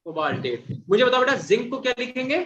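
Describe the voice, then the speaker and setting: Man teacher, fairly high voice, dull lo-fi classroom recording, repeats and quizzes students. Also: very animated, fast talker, bright, forceful tone. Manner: repeats and quizzes students, calls them "beta". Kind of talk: classroom chemistry lecture.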